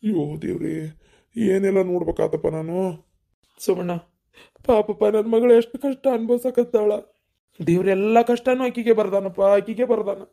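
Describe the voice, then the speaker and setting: A woman's voice: medium pitch, moderate pace, creaky, mellow. A woman voicing a worried mother in a cartoon, soothing her daughter in a North Karnataka Kannada accent. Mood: sorrowful. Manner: soothing, pleading. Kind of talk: cartoon voice acting.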